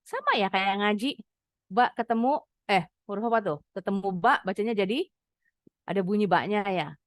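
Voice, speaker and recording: A woman English teacher, explaining pronunciation to teens and modeling words slowly for them to repeat. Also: medium pitch, animated, no echo, clean studio sound. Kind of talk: online English lesson for teens.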